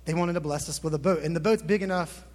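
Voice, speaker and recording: A man delivers a fervent sermon in a notably high voice, swelling into emphatic lists and rhetorical questions to his congregation. The sound carries the long reverb of a large hall. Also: fast, a little mellow. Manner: impassioned, builds to emphatic peaks, asks the congregation questions. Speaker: pastor.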